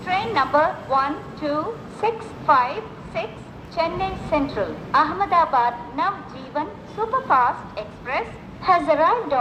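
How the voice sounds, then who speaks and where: Indian woman announcer, high voice, brisk delivery, heard over an echoing station intercom. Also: slight background noise. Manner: measured, evenly spaced announcing. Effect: over a station public address loudspeaker. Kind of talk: formal train announcement. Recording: echoey station loudspeaker with faint ambience.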